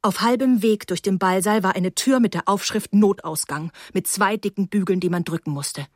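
A woman reading a novel aloud in the first person with an expressive, dramatic delivery. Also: medium pitch, normal speed, dry recording, clean studio sound. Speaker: audiobook reader. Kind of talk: expressive audiobook narration.

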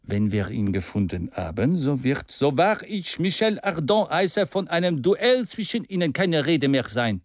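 An eager grown man voiced by a male reader pleads and persuades in a storybook reading, his voice sitting fairly high for a man. The sound is dry and close, with no room around it. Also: big pitch swings, a little slow, hardly any pauses, no room sound. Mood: urging.

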